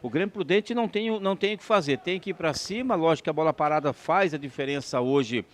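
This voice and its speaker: A man's voice: a little high, fast. A man with a Brazilian accent giving live football commentary and analysis during a match.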